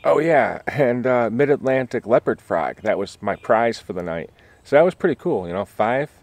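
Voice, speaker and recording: A man's voice: medium pitch, expressive, moderate pace, a little mellow, no echo. Chatty man vlogging outdoors in a forest. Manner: enthusiastic, chatty, thinks aloud with fillers. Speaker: nature vlogger. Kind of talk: casual outdoor vlog narration. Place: pine forest campsite outdoors. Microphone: handheld camera at arm's length.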